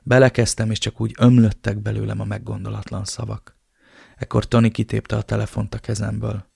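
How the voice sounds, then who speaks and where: A man narrating a novel in the first person, with a dark, brooding delivery. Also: lowish voice, little pitch movement, gravelly, husky, dry recording, studio quality. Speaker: audiobook narrator.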